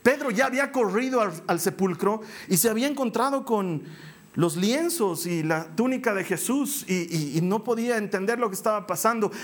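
A man preaching a sermon, telling the story with animated delivery, acting out voices and joking with the congregation. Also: high voice, moderate pace.

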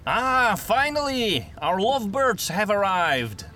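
A man voicing a loud, tactless drunk shopkeeper who slurs and bellows his words. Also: high voice, lively intonation, voice pushed up, full character voice. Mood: drunken bluster. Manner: slurring, bellowing, drawn-out words.

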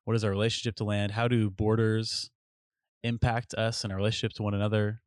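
A man's voice: lowish voice, little pitch movement, fast talker, clean tone, no echo, studio quality. A man hosting a podcast in casual conversation, joking, chuckling often and reading passages aloud. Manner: chuckling, jokey, reads aloud. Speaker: podcast host. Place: Seattle home.

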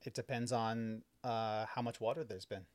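A man's voice: medium pitch, little pitch movement, moderate pace, dry recording. A man hosting a casual podcast from home, recapping village board business in an explanatory, chatty way with many fillers. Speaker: village trustee and podcast host. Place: home, kids and cats in the house.

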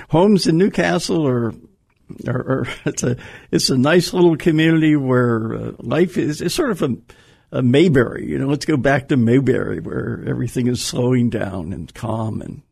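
Older male guest, very gravelly and dry-voiced, rambling anecdotal manner. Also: medium pitch, moderate pace, a little mellow, no room sound. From Pennsylvania, USA. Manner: rambling, self-interrupting, chuckles often. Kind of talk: conversational radio interview.

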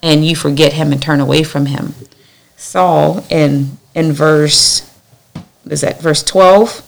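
A woman's voice: low voice, fairly even intonation, slow, vocal fry. A woman leading a Bible study in an earnest, exhorting way, acting out the lines she quotes. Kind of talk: conversational Bible teaching.

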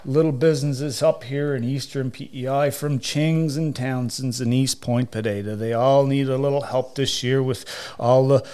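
A man's voice: medium pitch, fairly even intonation, normal speed, warm tone, clean tone, lightly acted. A man playing jolly old Santa Claus in a podcast interview, chuckling and saying "oh, dear" often.

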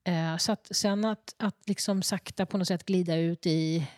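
A woman's voice: on the low side, fairly even intonation, a little mellow, no echo, studio quality. Hesitant, rambling woman potter. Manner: hesitant, rambling with many fillers and restarts. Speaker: ceramicist guest. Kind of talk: casual interview chat. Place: her own pottery workshop.

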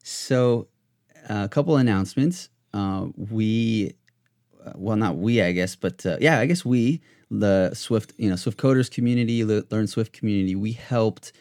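A man with a fairly low voice hosts a casual podcast. He rambles and restarts his sentences, padding them with fillers as he goes. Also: normal speed, a little mellow. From United States. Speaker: podcast host.

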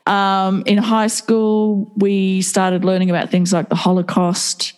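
A woman's voice: mid-range voice, completely flat delivery, slow pace, a little mellow, clean tone. A middle-aged woman with an Australian accent, chatting casually and reflectively, feeling her way through phrases. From Sydney, Australia. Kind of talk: casual conversation.

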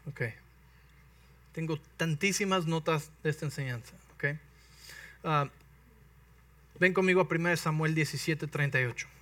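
A man preaching a sermon, telling the story with energy and often checking in with his listeners. His voice is bright and a little high. He is heard from a bit away from the mic in a dry room. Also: moderate pace, long pauses. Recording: voice from some distance, dry.

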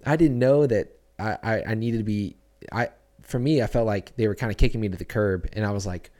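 Young male pastor guest, low warm voice, earnest and searching, lots of ums and restarts. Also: fairly quick. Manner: earnest, reflective, with many fillers and restarts. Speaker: children's church pastor, guest. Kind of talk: casual podcast interview.

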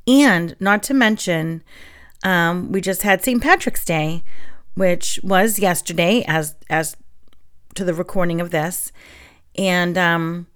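A young New England woman hosts a casual solo podcast, chatting and reading aloud as she recovers from a sore throat. Her lowish voice is clean and slow, and she stays friendly and chatty, with fillers and soft laughs.

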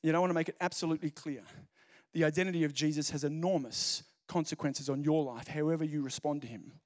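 A young man giving a lively, jokey evangelistic talk, telling stories and repeating key phrases. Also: on the high side, fast talker. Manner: animated storyteller, jokey asides, repeats phrases. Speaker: speaker explaining Christianity.

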